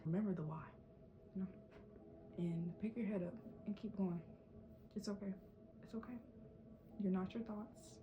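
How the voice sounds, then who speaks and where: A woman's voice: mid-range voice, highs cut off, background noise. A young woman giving a casual, encouraging pep talk in a vlog, with a runny nose. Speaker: vlogger.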